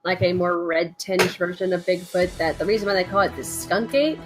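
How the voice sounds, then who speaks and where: A woman's voice: on the low side, a little fast. A woman hosting a trivia night stream in casual chat, talking in a rambling way and laughing often. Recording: music playing faintly behind.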